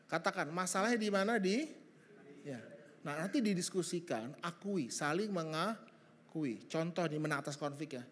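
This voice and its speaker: A man's voice: a little high, moderate pace, slight background noise. A male pastor preaching to young couples, joking and acting out conversations with his wife. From Indonesia. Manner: lively, jokey, acts out dialogue. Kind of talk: sermon to young families. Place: large church hall. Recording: hall reverb.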